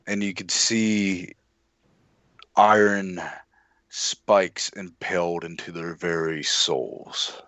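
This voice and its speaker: A man running a tabletop game as its game master, narrating grim scenes in an unhurried, measured way. His voice is very low and slow, and the mic sound is close and dry. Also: fairly even intonation, fairly bright tone, dry recording.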